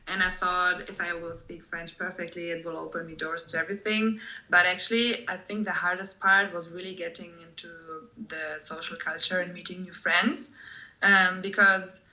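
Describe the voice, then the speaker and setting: A woman's voice: fairly low pitch, bright, forceful tone, rough recording. A young woman from Germany with a German accent, chatting casually as an interview guest and laughing often between direct answers. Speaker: guest, former tour guide.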